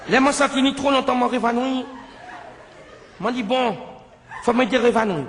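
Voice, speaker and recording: A man telling a comic story on stage in broken, childlike French, breaking into sudden shouts. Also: very high voice, normal speed, a faint crowd. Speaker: comedian. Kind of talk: stand-up storytelling. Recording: live show with audience laughter and background noise. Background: audience laughing.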